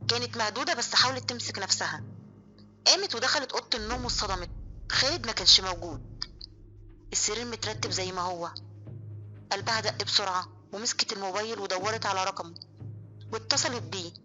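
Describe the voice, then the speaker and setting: Fast bright Egyptian woman storyteller. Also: medium pitch, muffled recording. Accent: Egyptian Arabic. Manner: suspenseful, vivid. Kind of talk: dramatic horror narration. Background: faint music.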